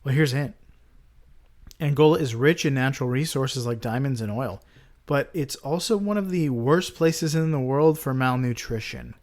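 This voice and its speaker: A man's voice: mid-range voice, moderate pace, darkish tone. A man hosting a casual podcast, reading out trivia questions and hints in a plain, teasing way. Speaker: podcast host. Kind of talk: casual podcast quiz chat.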